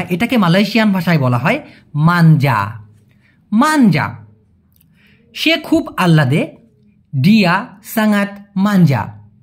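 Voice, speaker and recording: Husky, lively language teacher. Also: mid-range voice. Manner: explains patiently, repeats words slowly, acts out everyday examples. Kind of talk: spoken language lesson.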